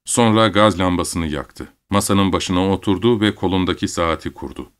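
A man narrating an audiobook in a calm, measured way. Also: sits low, clear, resonant tone. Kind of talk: scripted narration.

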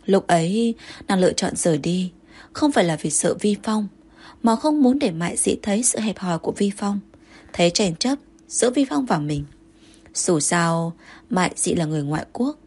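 A woman narrating an audiobook romance in a steady storytelling manner, with a breathy voice. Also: on the low side, normal speed. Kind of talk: scripted narration.

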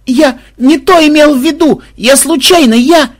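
A man voicing a rude young male thug in an audiobook, brash and yelling. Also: extremely high pitch, normal speed, voice pushed up. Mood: panicked.

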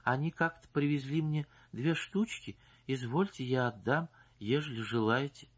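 A man's voice: medium pitch, moderate pace, slightly rough, dull audio, pitched above the performer's own voice, close to an everyday voice. A man voicing a defensive, flustered young female chorus singer who protests in a plaintive, evasive way. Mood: protesting.

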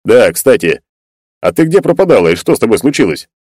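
A man's voice: medium pitch, sing-song, fairly quick, darkish tone, no room sound, pitched above the performer's own voice. A man playing a brash teasing young guy, slightly raised voice, dry sound. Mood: jovial. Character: young man, blunt joking comrade.

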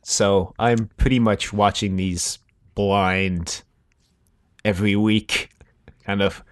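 This young man co-hosts a podcast, trading casual, wry banter in an accent that blends South African and American. His voice is fairly low and steady, and he speaks slowly.

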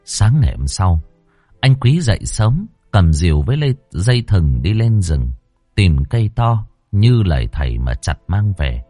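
Expressive low-voiced male storyteller. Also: a little slow, no room sound, faint music behind. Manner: dramatic, expressive reading. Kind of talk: ghost story narration.

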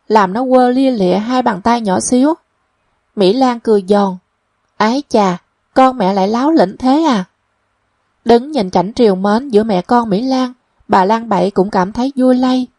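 A woman narrating a novel as a measured audiobook reading, also speaking the characters' quoted lines. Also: a little high, warm tone, no room sound, studio quality.

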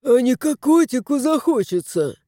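A woman's voice: high voice, sing-song, moderate pace, mellow, no room sound, studio quality. A woman voicing a wry, teasing male house spirit in an audiobook. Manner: mocking, teasing.

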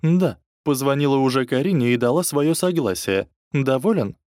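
A man's voice: medium pitch, animated, moderate pace, darkish tone, no room sound, studio quality, pitched above the performer's own voice, close to an everyday voice. A man voicing a scolding, caustic stepmother. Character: sharp-tongued middle-aged stepmother. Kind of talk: audiobook character voice.

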